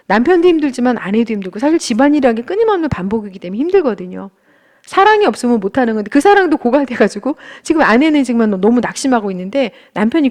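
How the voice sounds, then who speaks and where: A woman giving a church marriage-class lecture, speaking gently and acting out kind example phrases for husbands. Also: on the high side.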